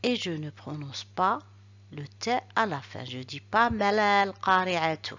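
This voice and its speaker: A woman teaching a recorded reading lesson, explaining rules step by step and slowly repeating each example word. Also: low-pitched, sing-song, a bit bright, slightly rough, highs cut off. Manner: slow, careful, repeats examples syllable by syllable.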